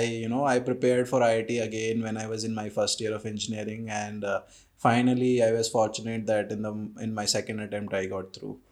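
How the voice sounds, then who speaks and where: A man with a North Indian accent and Hindi as his first language, answering casually as an interview guest, haltingly, with many fillers and check-in tags. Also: mid-range voice. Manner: halting, filler-heavy, frequent "you know" and "right?". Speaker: interview guest, startup co-founder.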